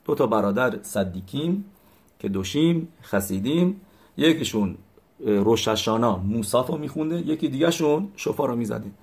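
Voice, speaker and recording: A man, retelling religious stories in a halting way, with many fillers and restarts, and lifting his voice for the quoted lines. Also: medium pitch, lively intonation. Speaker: storyteller.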